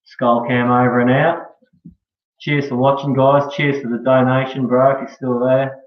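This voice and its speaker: A man's voice: medium pitch, flat delivery, moderate pace. An Australian man chatting casually on a live stream in a laid-back, slangy way, often tagging sentences with "eh" and "bro". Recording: dull echoey room, far from mic.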